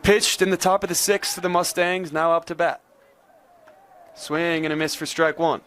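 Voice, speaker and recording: A man's voice: a little high, fairly even intonation, normal speed, fairly bright tone, a little hiss or hum. A man giving live play-by-play baseball commentary as a sports announcer.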